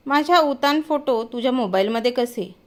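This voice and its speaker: A stern middle-aged auntie, as a woman storyteller puts her on, who barks orders and scolds. Her voice is slightly high and pushes hard on each demand. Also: expressive, moderate pace, close to an everyday voice. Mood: scolding. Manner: scolding, commanding.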